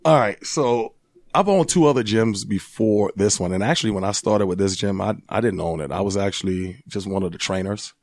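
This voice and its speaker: Gym-owner guest from Liberia, forties, lowish voice, dry close sound, laughs his way through stories. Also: fairly quick, no room sound. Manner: laughing, animated storyteller. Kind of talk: casual interview.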